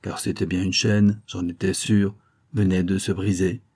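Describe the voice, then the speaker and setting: A man narrating a literary story aloud in a measured, even manner. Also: deep voice, husky. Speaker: audiobook narrator. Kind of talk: scripted narration.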